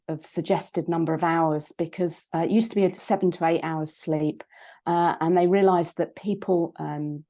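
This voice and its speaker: A British woman, a psychologist and coach, gives an online talk in a lowish, mellow voice. She's croaky from a cold and hesitant, with many ums and restarts.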